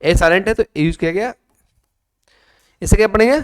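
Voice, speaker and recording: A man teaching an English grammar lesson, coaxing students and repeating their answers in a lively classroom manner. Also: sits high, a little fast, smooth, no echo, studio quality.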